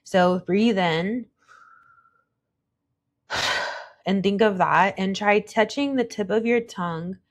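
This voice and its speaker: A young adult woman teaching Spanish pronunciation, patient and encouraging, modelling each sound slowly. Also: medium pitch. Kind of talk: slow, calm pronunciation tutorial.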